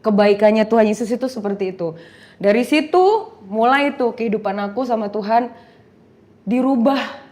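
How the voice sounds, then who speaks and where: A young woman, somewhat high-voiced, tells her testimony with lively, animated storytelling. She acts out the voices in her story and mixes in English phrases as she goes. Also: normal speed. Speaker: guest giving a testimony. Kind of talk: emotional testimony interview.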